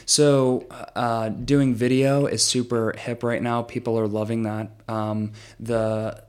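A young man appears as a guest in a casual chat, talking freely about his social media business and filling his speech with "um" and "you know." His medium-pitched voice is clear, resonant and a little mellow, delivered flatly and slowly.

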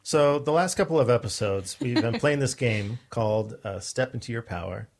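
A man's voice: medium pitch, moderate pace. A man co-hosting a casual podcast chat about acting and production. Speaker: podcast co-host.

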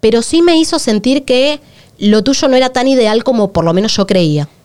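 A woman's voice: on the high side, normal speed, smooth. A woman with a Rioplatense Spanish accent, co-hosting a podcast in candid, confessional chat. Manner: candid, confessional, animated storytelling. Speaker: podcast co-host.

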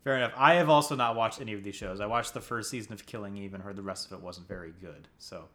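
A man hosting a casual chat about TV awards, earnest and quick to laugh, with hesitant fillers. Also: fairly low pitch, sharp tone. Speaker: podcast host.

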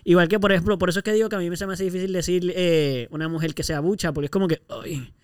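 Puerto Rican man co-hosting a podcast: earnest, expressive chat, smooth resonant voice, dry close sound. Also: sits high, fast, no echo. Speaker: podcast co-host. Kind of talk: casual conversation.

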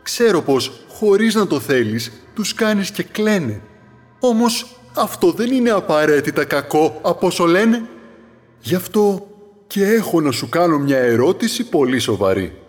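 A playful, teasing fallen star with a patient, wise streak, as a man acts it. The voice is fairly high and very animated. A long reverb and soft music sit around it in this children's audio story. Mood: encouraging.

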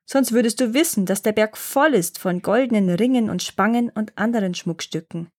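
A woman's voice: mid-range voice, moderate pace, darkish tone, pitched above the performer's own voice, natural voice. A woman voicing a group of old bearded gnomes who tease a child while reading a fairy tale. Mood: teasing. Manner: teasing. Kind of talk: storybook reading.

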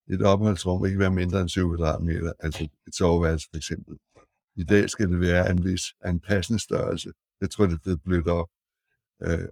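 An older man with a very low, gravelly voice tells anecdotes as a guest, pausing and searching for his words. The sound is dry and close, with no room around it. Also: darkish tone, no echo. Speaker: guest architect. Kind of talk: anecdotal podcast storytelling.

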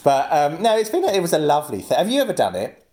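A man's voice: fairly high pitch, wildly swooping pitch, quick pace, very noisy. A man chatting as a guest, telling stories with frequent laughter and acted-out quotes. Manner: chatty storyteller, laughs often, acts out quoted voices. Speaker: guest, actor and comedian. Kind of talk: casual chat.

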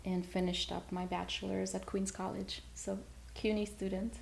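A woman in her thirties from Guyana, guesting on an interview about her real estate work. She talks quickly and energetically, restarting phrases as she goes, in a mid-range voice. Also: mid-range voice, flat delivery, creaky, slight background noise.

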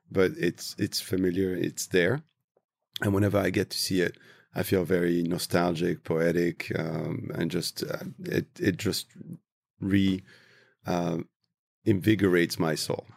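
A low, gravelly man from Tunisia speaks as an interview guest. He is reflective and unhurried, pausing to search for his words. The recording is dry and close. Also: level tone, no room sound. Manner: thoughtful, slow, searching for words. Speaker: interview guest, travel industry professional.

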